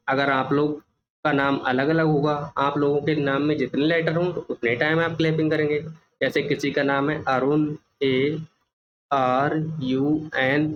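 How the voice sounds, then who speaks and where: Guiding children through an English workbook, a teacher spells and repeats each word slowly and patiently. His voice is a bit high for a man, and the muffled recording carries a faint hiss.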